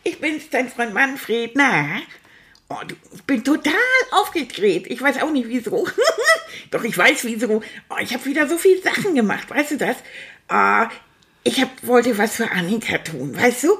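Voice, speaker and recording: A woman voicing an excitable male plush toy rat who rambles breathlessly through his story. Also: on the high side, unhurried, creaky, exaggerated voice. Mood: excited. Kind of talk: puppet storytelling for children.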